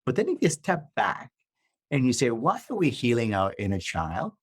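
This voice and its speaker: A man's voice: mid-range voice, wildly swooping pitch, moderate pace, breathy edge, no room sound. A middle-aged man from Malaysia, a guest author and coach explaining his ideas in a podcast interview in a structured way, often checking in with "right?".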